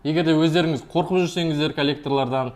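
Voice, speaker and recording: A man's voice: fairly high pitch, steady tone, quick pace. A man from Kazakhstan speaking as a lawyer and advice host, explaining things in a polite, matter-of-fact way. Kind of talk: explanatory talk and calm negotiation.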